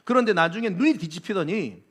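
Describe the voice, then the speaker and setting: A male pastor preaching a sermon in an animated way, joking with the congregation and acting out quotes. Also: high-pitched, quick pace, husky. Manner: jokes with congregation.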